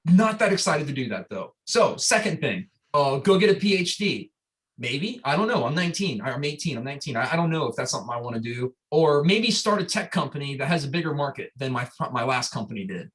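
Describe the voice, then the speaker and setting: A man's voice: on the high side, very animated, a little fast, fairly bright tone. Rambling, enthusiastic young man. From Florida. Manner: rambling and enthusiastic, with many fillers and restarts. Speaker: startup founder. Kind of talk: casual storytelling interview.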